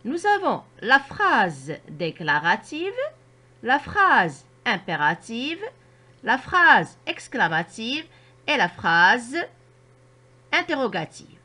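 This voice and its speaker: A woman teacher with a Moroccan French accent, explaining a grammar lesson to children slowly and with careful articulation. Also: a little high, big pitch swings, sharp tone. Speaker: primary school teacher.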